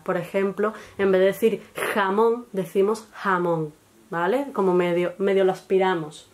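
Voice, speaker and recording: Andalusian woman teaching a class. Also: medium pitch. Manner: explanatory, frequent pauses and "eh" fillers, checks understanding with "¿vale?". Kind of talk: recorded lesson.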